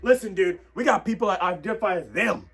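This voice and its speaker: A young man, hoarse from losing his voice, ranting in excitable yells with sudden quiet asides for a comedy vlog. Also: high-pitched, fast talker, soft background music. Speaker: comedy vlogger. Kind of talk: comedic tier-list rant.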